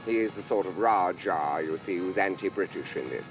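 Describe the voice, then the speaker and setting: A man in an old archive interview talks about his acting with playful relish. His voice is low, with music under it. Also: fairly quick. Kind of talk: chatty interview.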